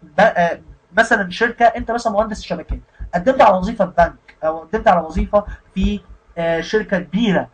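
Male instructor, Egyptian Arabic accent, breathy and very fast, casual lesson style with frequent check-ins. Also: high-pitched, rough recording. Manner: keeps checking in with the listener. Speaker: IT career instructor.

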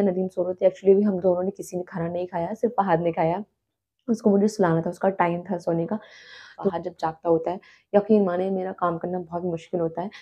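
A woman hosting a casual family vlog from home, talking softly and slowly so she won't wake the sleepers. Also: lowish voice, slightly rough, dull audio. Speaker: family vlogger. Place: home, indoors.

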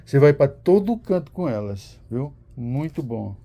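A man with a mellow, warm-toned voice hosts a casual walking vlog at a market stall. He talks straight to his viewers and keeps praising what he is shown. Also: medium pitch, very animated, measured pace. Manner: enthusiastic, praises the goods to viewers. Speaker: host.

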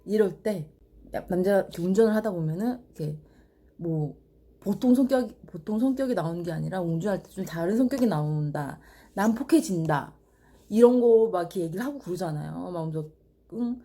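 Husky, blunt woman vlogger. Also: on the low side, fairly quick. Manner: blunt and animated, swears freely. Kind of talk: casual monologue to viewers.

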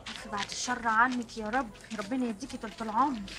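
A woman's voice: on the high side, steady tone, quick pace, close to an everyday voice. An actress playing a kindly neighbor reassuring an older woman, with an Egyptian accent. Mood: soothing. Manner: soothing, reassuring. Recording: distant mic, loud background noise.

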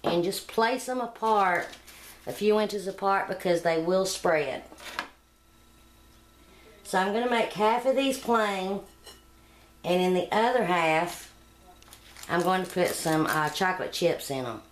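A woman's voice: fairly low pitch, unhurried, pauses often, a little hiss or hum. A middle-aged woman hosting a home cooking channel, talking plainly step by step through a recipe in her kitchen. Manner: homey, plain-spoken, step-by-step. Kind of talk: casual cooking demonstration voice-over.

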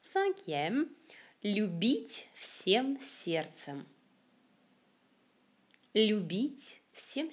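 Russian-accented woman teacher, low-ish breathy voice, very slow and lively in pitch, repeats each phrase. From Siberia, Russia. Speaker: language teacher. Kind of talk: slow, careful language lesson with repeated example phrases.

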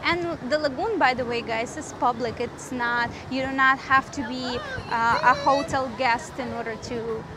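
High-voiced woman giving a chatty walking tour. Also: unhurried, few pauses. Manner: chatty, upbeat pointing out sights. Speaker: travel vlogger, tour guide. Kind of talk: casual walking-tour narration. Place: outdoor resort grounds by a lagoon. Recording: outdoor noise, open air.

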